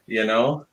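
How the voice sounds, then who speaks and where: A man's voice: medium pitch, fairly bright tone, roomy sound, rough recording. A man hosting a casual chat who rambles, swears and laughs often. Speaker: host.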